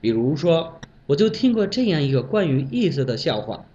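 A foreign man from Bangladesh speaks Mandarin as a second language in a prepared, story-filled talk. His voice sits fairly high and moves with very lively intonation. The recording is somewhat dull and lo-fi. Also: normal speed. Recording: dull, lo-fi sound.

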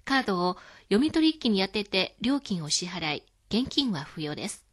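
A woman hosting a scripted radio lesson, explaining words calmly. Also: mid-range voice, normal speed, husky. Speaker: Chinese language teacher.

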